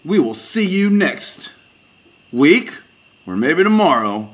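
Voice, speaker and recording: A man's voice: a little high, sing-song, slow pace. A man hosting a comic puppet news show, speaking in a mock-formal way with some hesitations.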